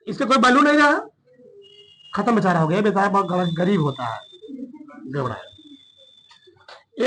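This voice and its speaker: A man's voice: very high voice, pushed and bright, poor audio. A man teaching a chemistry lesson, working through a problem in a colloquial way and often checking that his students follow.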